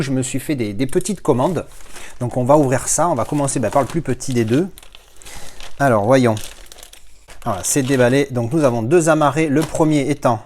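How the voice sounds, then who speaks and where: A man's voice: mid-range voice, darkish tone. A man from talking casually through an unboxing, rambling with frequent fillers and restarts. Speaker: collector unboxing films.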